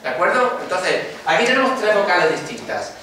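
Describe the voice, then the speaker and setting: A man's voice: sits high, sing-song, a little fast, sharp tone. A man with an Andalusian Spanish accent teaching phonology in a classroom, explaining and often asking the students whether they follow. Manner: explanatory, checks understanding with frequent questions. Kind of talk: classroom lecture. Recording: echoey classroom with faint noise.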